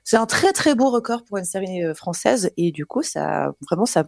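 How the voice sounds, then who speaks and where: A woman's voice: on the low side, moderate pace, gravelly, no room sound. Woman, young, quiz presenter, bubbly and chatty, dry close sound. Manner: animated, chatty, hesitant fillers. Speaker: quiz presenter on a radio show. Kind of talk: lively radio quiz segment.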